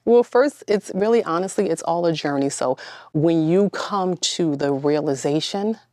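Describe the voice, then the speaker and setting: A woman's voice: low-pitched, normal speed, warm tone, no echo, clean studio sound. A woman transformation coach speaking expressively in an interview, sometimes dropping to a whisper for emphasis. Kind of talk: conversational interview.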